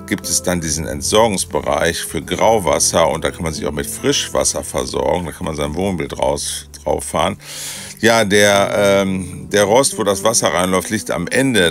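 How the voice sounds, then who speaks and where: A man giving a relaxed, chatty voice-over tour of a campsite, with many hesitation fillers. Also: low voice, gravelly. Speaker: motorhome travel vlogger.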